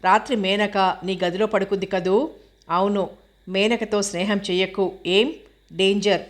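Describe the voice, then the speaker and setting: A woman reading an audio novel aloud, voicing a knowing young woman who warns and teases her hostel mate in a flat, even tone. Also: mid-range voice, a little slow, close to an everyday voice. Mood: teasing warning.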